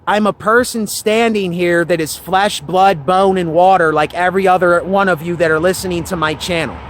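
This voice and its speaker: A man's voice: high-pitched, steady tone, normal speed, a little hiss or hum. A man hosting his own channel, talking in a casual monologue. He sounds earnest and preachy and often repeats himself. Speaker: channel host.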